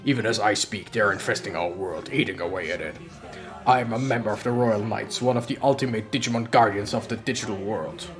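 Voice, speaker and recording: Streamer doing a game knight Omnimon, forced deep strained voice, formal, measured, grave, music faint behind. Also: lightly acted. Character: solemn armored knight guardian, grave. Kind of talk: game dialogue read aloud.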